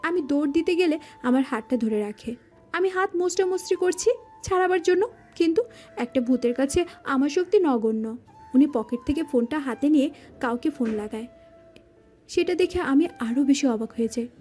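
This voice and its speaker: A woman narrating a romance audio drama in the first person, telling it in a lively manner. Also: sits high, moderate pace. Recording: faint background music.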